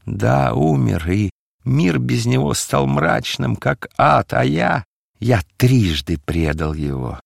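A man voicing an anguished, guilt-wracked male disciple who screams hoarsely in self-loathing. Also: mid-range voice, very animated, slow pace, no room sound, clean studio sound, voice pushed up, exaggerated voice. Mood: grieving. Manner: wailing, self-loathing outbursts.

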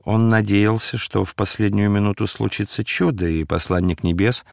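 Solemn male narrator for an audiobook, gravelly and dry. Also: on the low side, fairly even intonation, normal speed, a little mellow, no echo. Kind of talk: scripted literary narration.

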